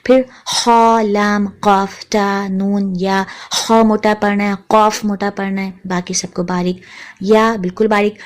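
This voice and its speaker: A woman teaching a tajweed lesson, patiently naming letters one by one and repeating each sound slowly. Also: mid-range voice, level tone. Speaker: Quran recitation teacher.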